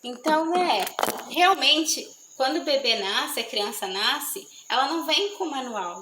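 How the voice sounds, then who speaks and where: A woman's voice: high voice, background noise. Earnest woman in an echoey room. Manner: earnest, repetitive, emphatic. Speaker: mother speaking on parenting. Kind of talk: testimonial talk to an audience.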